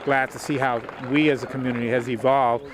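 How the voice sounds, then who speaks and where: A man's voice: mid-range voice, little pitch movement, brisk, background noise. A man hosting a community TV show, interviewing guests outdoors at a city event, earnest and full of thanks.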